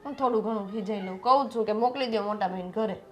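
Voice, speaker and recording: A woman's voice: medium pitch, close to an everyday voice. A woman playing a young wife who complains about her mother-in-law in a family drama. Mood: complaining. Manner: complaining, rapid-fire.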